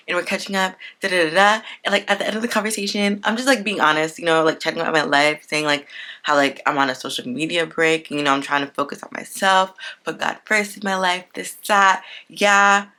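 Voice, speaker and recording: A woman's voice: lowish voice, fairly quick, bright, forceful tone. A woman in her twenties hosting a podcast, talking through her week in a chatty, earnest, unscripted way with lots of "like". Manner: chatty and earnest, leans heavily on "like". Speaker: podcast host. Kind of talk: unscripted casual chat.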